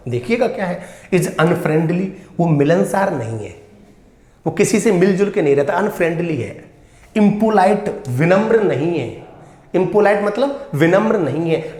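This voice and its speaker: Lively teacher in an echoey room. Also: male voice, sits high. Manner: addresses students as beta, repeats and quizzes them. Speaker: English teacher. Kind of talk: vocabulary lesson for exam students.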